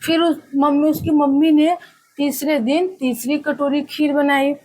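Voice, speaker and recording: High-voiced woman teacher telling a story. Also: flat delivery, a little slow, darkish tone, slight background noise, poor audio. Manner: addresses listeners as children, asks rhetorical questions. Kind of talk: storytelling lesson to students.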